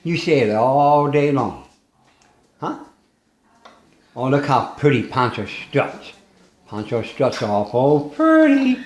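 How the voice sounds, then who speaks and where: Sex: man. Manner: doting, lively sing-song coaxing. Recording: echoey room. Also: mid-range voice, slow pace, pauses often. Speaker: parrot owner. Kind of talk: coaxing talk to pet birds.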